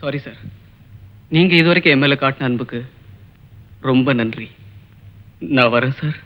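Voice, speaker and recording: A man's voice: medium pitch, normal speed, muffled recording, a little hiss or hum, natural voice. An actor playing an earnest young male college student in a Tamil film, speaking with a Tamil accent and pleading his innocence. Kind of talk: 1980s film acting.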